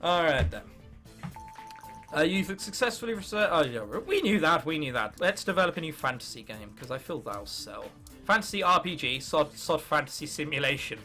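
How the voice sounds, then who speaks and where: This roughly nineteen-year-old gaming host from England gives jokey, casual commentary and reads in-game text aloud, his English accent clear. His voice runs on the high side with big pitch swings, bright and forceful at a moderate pace, with faint music behind.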